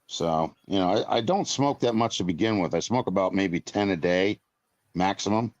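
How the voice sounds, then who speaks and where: A man in his fifties with a low voice and a dry, close sound, talking casually on a live stream. His talk rambles and is blunt, with mild cursing along the way. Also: normal speed, no echo, muffled recording. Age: 50s.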